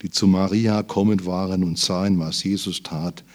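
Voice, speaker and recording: A man's voice: sits low, steady tone, moderate pace, a little mellow. A man preaching a sermon, reading Bible verses aloud and building up emphatically on key phrases.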